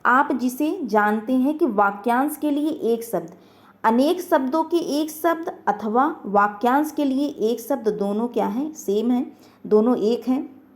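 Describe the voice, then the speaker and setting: A woman's voice: a little high, unhurried. A woman teaching an online grammar lesson, asking questions and answering them herself, repeating each word.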